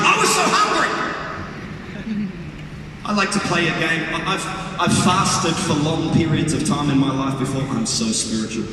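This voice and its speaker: A man preaching live to a big crowd in a booming, motivational way, playful and often shouting to work up the audience. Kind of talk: animated live sermon to a large crowd. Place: large live event venue with crowd. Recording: echoey arena PA, distant, noisy crowd.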